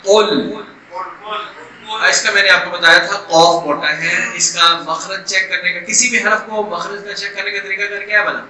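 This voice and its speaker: A middle-aged man, teaching Quran recitation and stretching sounds slowly to demonstrate them. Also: high-pitched, steady tone, pushed and bright. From Pakistan. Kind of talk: recitation lesson. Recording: echoey room, distant mic, faint noise.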